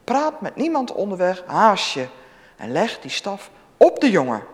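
A church reader voicing a calm, authoritative old prophet from a scripture story, speaking in measured commands. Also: mid-range voice, big-room sound. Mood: commanding.

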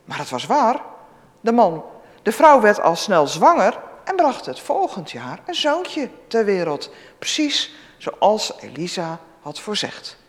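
A preacher introducing and reading a scripture story aloud in a church service, telling it expressively. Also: slow. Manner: expressive storytelling with lively pitch. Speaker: preacher or worship leader. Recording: long church reverb.

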